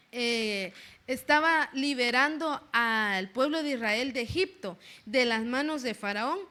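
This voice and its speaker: A woman's voice: sits high, bright, forceful tone. A woman giving a chatty church sermon who keeps checking in with a questioning "right?" and asks the congregation questions. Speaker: lay preacher. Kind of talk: conversational sermon. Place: church service.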